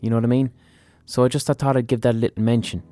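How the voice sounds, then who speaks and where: A man's voice: medium pitch, little pitch movement, rapid-fire, dark tone, soft background music. An Irish man hosting a podcast, talking casually and earnestly with some swearing. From Ireland. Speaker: podcast host. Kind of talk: casual spoken podcast introduction and interview.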